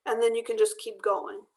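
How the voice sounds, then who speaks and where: A woman leading an online drawing class, explaining each step in a relaxed, chatty way while losing her voice. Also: fairly high pitch. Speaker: art workshop instructor. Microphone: video call.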